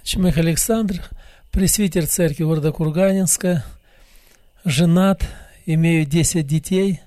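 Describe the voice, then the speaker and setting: Man, presbyter; earnest slow intro, higher mellow voice. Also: dry recording, clean studio sound. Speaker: church presbyter. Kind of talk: brief self-introduction at a church gathering.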